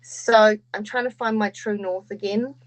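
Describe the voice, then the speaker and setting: A woman's voice: mid-range voice, fairly even intonation, a little slow, no room sound, rough recording. A woman in her forties giving a frank, open introduction of herself on a video call, swearing now and then. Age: 40s. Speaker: course participant.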